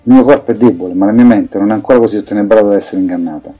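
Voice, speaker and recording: A weak old sorcerer who has grown suspicious of everyone, read by a man, murmurs in a faint, strained voice. The tone sits low and dark. A quiet husky grain runs through it. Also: rapid-fire, soft background music, lightly acted. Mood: weak, urgent.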